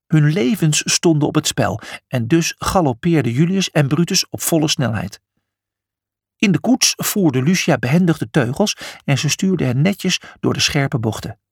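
A man's voice: a little high, breathy edge, no room sound, clean studio sound. A man narrating a children's adventure story, reading expressively.

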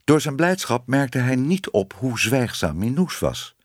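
Man, storybook narration, very lively pitch, dry close sound. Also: unhurried, no room sound. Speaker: audiobook reader.

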